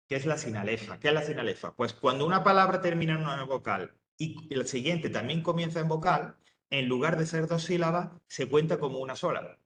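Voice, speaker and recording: A man lectures students in a fairly high, fairly bright voice in an echoey room. He explains step by step, checks in often with "¿vale?", and uses many fillers while restarting his sentences.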